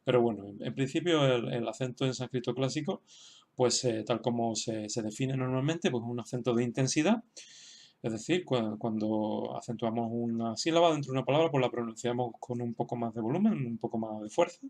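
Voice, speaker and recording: A man's voice: medium pitch, brisk, a little mellow. A man from explaining a language lesson in an unscripted way, hesitant, with many fillers and restarts. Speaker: teacher.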